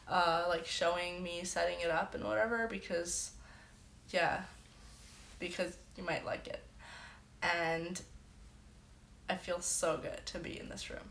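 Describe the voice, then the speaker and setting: A woman's voice: fairly low pitch, creaky, fairly bright tone, a little hiss or hum. Chatty woman streaming from an echoey room. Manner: chatty storyteller, heavy "like" filler. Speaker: livestream host. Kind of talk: casual livestream chat. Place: her bedroom.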